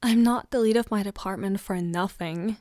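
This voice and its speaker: A woman playing a loving, tired girlfriend on a late-night call, in a soft, intimate ASMR role-play. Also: mid-range voice, moderate pace, no echo, studio quality, close to an everyday voice. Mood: modest pride.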